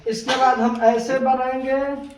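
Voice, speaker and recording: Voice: high-pitched, flat delivery, slow. A teacher giving a classroom lesson, patiently asking the same questions again and repeating the answers to check that students understand. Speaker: Urdu teacher. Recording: roomy, distant, dull lo-fi recording with loud noise.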